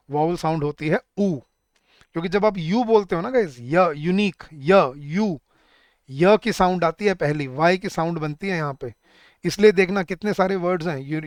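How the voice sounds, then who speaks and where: High-voiced man teaching an online class. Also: no echo, clean studio sound. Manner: explains by sounding words out slowly and asking the class. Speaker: English teacher. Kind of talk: online exam-prep lecture.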